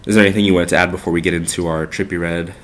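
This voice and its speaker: He talks very fast in a low, steady voice with a fairly bright tone, co-hosting a relaxed podcast. The young man sounds stuffed up and rambles through the casual conversation, leaning heavily on fillers.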